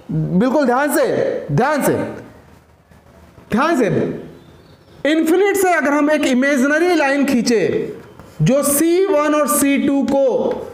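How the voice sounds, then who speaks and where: A male science teacher with a very high voice, lecturing a class in an echoey room. He fires questions at his students, repeats every answer back to them and calls them "beta" as he drives each point home.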